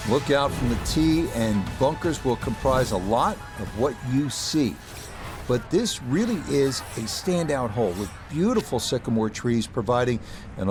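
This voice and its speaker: A man commentating on golf for a broadcast, with a polished, measured announcer delivery. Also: medium pitch.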